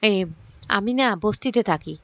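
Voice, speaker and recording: A woman's voice: medium pitch, animated, measured pace. A woman voicing a curt, wary young man who lives in a slum, in a retold family drama.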